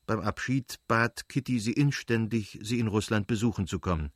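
A man narrating a classic novel as an audiobook in a measured, even way. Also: fairly low pitch, dry recording, clean studio sound.

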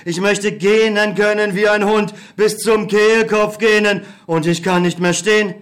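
A man's voice: high-pitched, fairly even intonation, unhurried, a bit bright. A man playing Beckmann, a worn-out bitter returnee. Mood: weary. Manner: tired, bitter, resigned. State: exhausted and hungry. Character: weary, bitter young male war returnee.

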